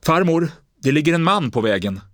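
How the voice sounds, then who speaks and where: A man's voice: on the low side, lively intonation, fairly bright tone, dry recording, clean studio sound, pitched above the performer's own voice. A man reading aloud and voicing a frightened young boy who cries out urgently to his grandmother in a storybook. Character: frightened young boy, desperate then overjoyed.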